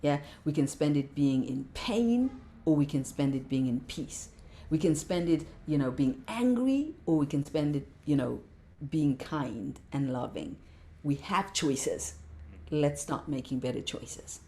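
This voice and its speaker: A middle-aged meditation teacher, guesting on a podcast, speaks with passion in casual interview talk, repeating words for emphasis. Her low voice is mellow and expressive, and she keeps a measured pace.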